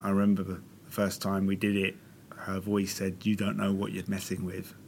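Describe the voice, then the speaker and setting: Low-voiced male psychologist reflecting candidly. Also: monotone, normal speed, creaky, darkish tone, husky. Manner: thoughtful, candid. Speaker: clinical psychologist. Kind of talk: interview, casual reflective talk.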